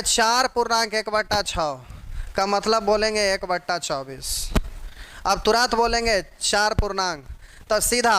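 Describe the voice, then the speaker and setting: A man's voice: sits high, pushed and bright, a little hiss or hum. A man teaching an exam-prep math lesson, drilling fractions and percentages aloud and calling his students dear ones.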